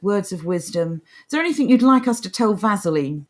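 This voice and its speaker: A woman's voice: medium pitch, expressive, brisk. A woman co-hosting an opinionated casual chat. She sounds indignant and reads out messages from the chat. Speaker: co-host.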